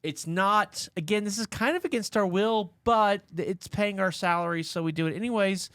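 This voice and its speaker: A man's voice: sits high, moderate pace, fairly bright tone, clear, resonant tone, no room sound, clean studio sound. A man hosting a podcast in a casual, joking, rambling way. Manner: joking, rambling, mock-serious. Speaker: podcast host.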